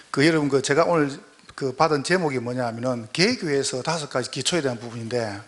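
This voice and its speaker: A man with a Gyeongsang accent, a pastor giving a folksy, joking lecture at a training session. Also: mid-range voice. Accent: Gyeongsang dialect.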